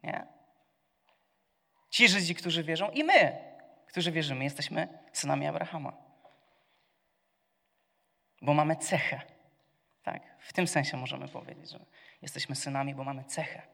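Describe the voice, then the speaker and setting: A man preaching a sermon, asking his congregation questions and answering them himself, moving between quiet asides and loud cries. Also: a little high, normal speed, vocal fry, long pauses. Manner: swings from soft to loud, shouting the cries. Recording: long reverb of a church hall.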